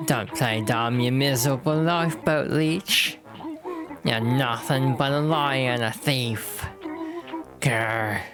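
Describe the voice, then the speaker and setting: A woman voicing a gruff, boastful old pirate sailor in a mock pirate accent, like a salty old fisherman in a video game. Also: rumbling low, takes it slowly. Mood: furious. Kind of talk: reading video game dialogue in character. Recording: clear game music behind the voice.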